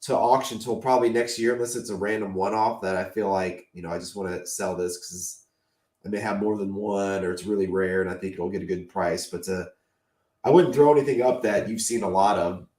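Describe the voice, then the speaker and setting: A man's voice: low voice, a little fast, a little mellow. Man losing his voice, echoey room. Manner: enthusiastic, opinionated collector talk. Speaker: podcast co-host. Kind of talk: casual chat.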